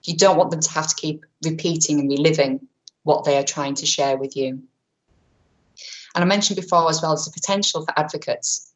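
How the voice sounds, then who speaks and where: In a muffled recording, a low-voiced woman presents a training webinar on vulnerable clients. She talks fast and chattily with lots of "um" and "like," keeps self-correcting, and says her voice is powerful.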